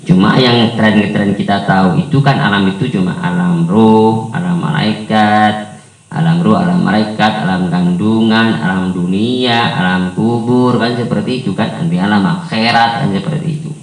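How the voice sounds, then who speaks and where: A man teaching an Islamic book study in a conversational way, often tagging questions and jumping his voice high for emphasis. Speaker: religious teacher. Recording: echoey room, mic far off.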